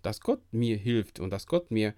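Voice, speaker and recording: A man's voice: lowish voice, big pitch swings, normal speed, warm tone, no echo, studio quality. A man hosting a devotional podcast, talking earnestly and encouragingly in a preacher-like way. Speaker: podcast host.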